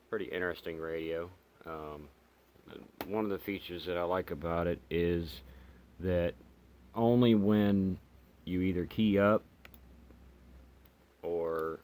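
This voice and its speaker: This hobbyist host reviews radios in an offhand, unscripted demonstration, rambling and hesitating as he goes. He has a deep voice with a darkish tone, and clear background noise runs through the clip.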